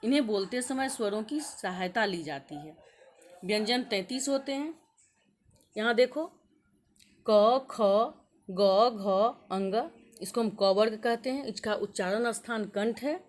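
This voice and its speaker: A woman teacher giving a grammar lesson to young pupils, speaking slowly and deliberately and sounding out letters one at a time. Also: a little high, lively intonation. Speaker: school teacher.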